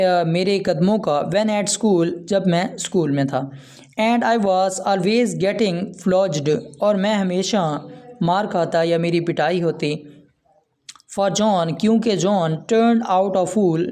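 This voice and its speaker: A man teaching an English lesson, reading each English line slowly and then explaining it in Urdu, addressing his students politely. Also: a little high, darkish tone.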